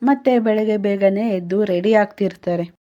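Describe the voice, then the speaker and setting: Woman narrating a story, warm mellow voice, steady, kinda muffled audio. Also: mid-range voice, normal speed. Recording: dull lo-fi sound.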